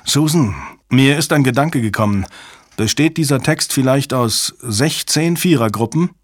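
A man's voice: medium pitch, lively intonation, a little slow, no echo, voice pushed up. Man doing a clever young guy, firm and decisive, slightly raised voice, dry sound. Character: calm clever young man guiding by monitor. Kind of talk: audiobook character voice.

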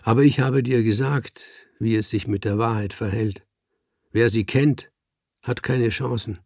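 A man's voice: medium pitch, fairly even intonation, a little slow, darkish tone, no echo, clean studio sound. A man reading aloud, voicing a bitter, self-pitying middle-aged man who turns tearful and condescending. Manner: sobbing, domineering. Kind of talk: audiobook reading.

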